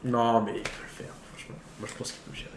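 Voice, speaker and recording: In an echoey room with faint noise behind him, this film talk show co-host chats through a casual debate with friends using slang and unfinished sentences. He talks fast in a mid-range voice with little pitch movement.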